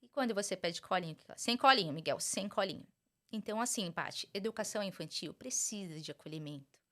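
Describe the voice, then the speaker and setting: A woman in her thirties from Brazil, a teacher and mother, chatting as an interview guest and telling animated stories while often calling the host by name. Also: mid-range voice, quick pace. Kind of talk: casual interview chat.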